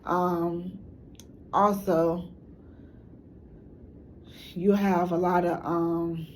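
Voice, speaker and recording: A woman's voice: lowish voice, level tone, very slow, darkish tone, slight background noise. A woman from Chicago with a Chicago accent, talking loosely and casually to camera for her own documentary, often restarting her sentences. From Chicago, United States. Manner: loose, meandering storytelling with frequent restarts. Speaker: documentary maker and narrator.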